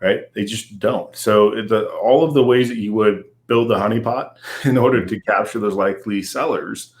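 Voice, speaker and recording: A man's voice: lowish voice, moderate pace. A man, a company CEO, speaking as an interview guest and explaining things at length with many "um"s and "you know"s. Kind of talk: casual business interview.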